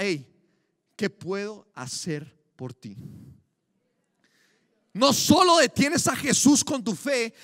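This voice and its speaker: A man delivers a sermon in a strikingly high register. He preaches emphatically, piling up repeated phrases for stress. The sound is dry, with no room around it. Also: a bit bright, no room sound, in a large hall. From Colombia.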